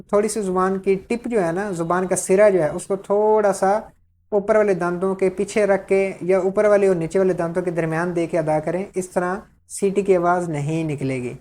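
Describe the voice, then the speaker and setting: A woman's voice: medium pitch, darkish tone. A woman teaching Quran letter pronunciation step by step, patiently drawing out each letter for learners to repeat. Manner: checks in with "ٹھیک ہے؟".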